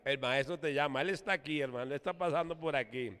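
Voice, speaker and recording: A man's voice: on the high side, fast talker, fairly bright tone, clean tone. A man preaching a sermon in a Colombian Spanish accent, emphatic and repetitive, leading his congregation in call-and-response. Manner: emphatic, repeats "hermano" and has the congregation repeat words. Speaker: apostle preaching. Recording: long echoey hall reverb.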